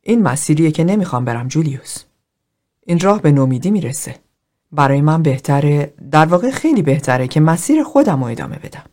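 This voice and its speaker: A woman voicing a cold, detached man who speaks in a flat, unemotional and indifferent way. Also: low voice.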